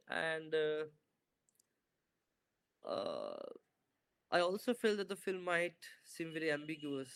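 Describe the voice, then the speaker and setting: Speaking from a bright room indoors, this young filmmaker guest fields interview questions on a video call through his laptop camera. His voice is on the high side and fairly bright, and the audio has no room sound. He comes across as thoughtful but hesitant, often using fillers and starting over.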